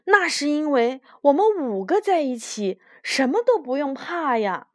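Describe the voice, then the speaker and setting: A woman voicing a timid little spotted bunny boy in a high, bright, childlike squeak. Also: sing-song, unhurried, dry recording, clean studio sound. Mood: excited.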